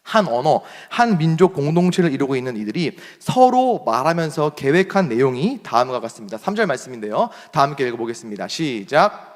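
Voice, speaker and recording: A young man preaching as a pastor, speaking standard Seoul Korean as an animated storyteller. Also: medium pitch, a little fast. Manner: animated storyteller acting out shouted quotes. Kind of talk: sermon with storytelling. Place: church hall. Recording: long reverb of a church hall.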